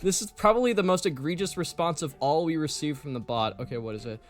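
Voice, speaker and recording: A man with a fairly high speaking voice, reading a written document aloud and breaking into blunt, disbelieving asides, often with swearing. His talk is casual and reactive, and soft music plays faintly behind him. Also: fast talker. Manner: frank, swears often, incredulous.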